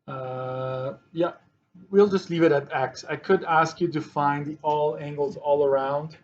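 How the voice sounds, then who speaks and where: A male math teacher working through problems in a class lesson, thinking aloud slowly, with dry sarcastic asides. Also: medium pitch, muffled recording.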